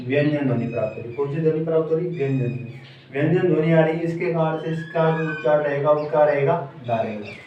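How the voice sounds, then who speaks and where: A man's voice: fairly high pitch, quick pace, highs cut off, a little hiss or hum. Echoey, distant male pronunciation teacher. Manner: repeats questions and answers them drill-style. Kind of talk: online classroom lesson. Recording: echoey room, mic at a distance.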